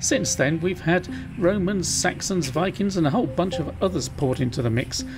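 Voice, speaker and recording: A man's voice: high voice, moderate pace, over music. A British man in his sixties, narrating a travel vlog outdoors at arm's length with dry, wry asides. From Britain. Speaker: travel vlogger. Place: outdoors at historic sites and in a car. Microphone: camera held at arm's length.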